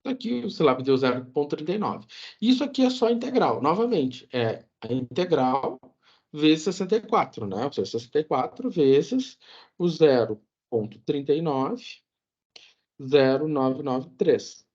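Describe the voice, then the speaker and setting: Here a man's voice runs a little high, expressive and unhurried, with a slightly mellow quality. He's giving an online lecture on code in an easygoing way, frequently checking with the class and fixing his own slips. The recording sounds dull and lo-fi.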